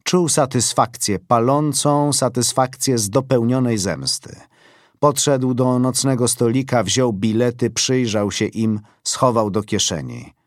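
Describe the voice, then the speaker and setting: A man giving a literary audiobook reading in a measured, sombre way. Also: mid-range voice, dry recording, clean studio sound. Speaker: audiobook narrator.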